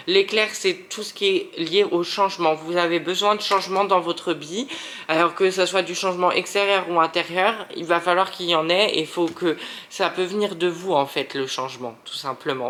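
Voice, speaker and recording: Animated man giving a tarot reading. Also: high voice. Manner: animated, self-mocking, talks straight to viewers. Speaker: tarot reader. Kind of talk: casual monthly tarot reading.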